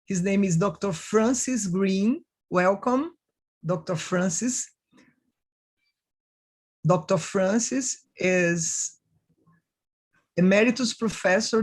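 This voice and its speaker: A woman moderating an online conference, introducing speakers formally with careful, deliberate phrasing over a video call. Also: mid-range voice. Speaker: session moderator.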